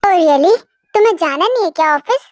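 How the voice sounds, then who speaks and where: A woman voicing a sulking, sharp-tongued young wife in a fan audio drama, snapping back at her husband. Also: extremely high pitch, animated, moderate pace, dry recording, clean studio sound. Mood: sulky. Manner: sharp, scolding retorts.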